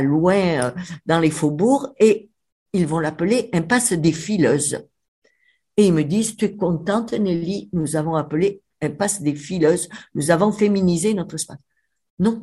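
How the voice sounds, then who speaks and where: A woman's voice: fairly low pitch, darkish tone, breathy edge. A woman from Avignon with a Provençal French accent, an author telling local history in a radio interview with passionate, emphatic storytelling. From Avignon, Provence, France. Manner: passionate storyteller, emphatic, slows down on key words.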